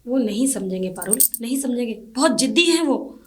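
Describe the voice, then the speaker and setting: A woman's voice: on the high side, lively intonation, fairly quick, close to an everyday voice. A woman playing a worried middle-aged mother who asks anxious, pleading questions. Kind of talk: low-budget film drama acting.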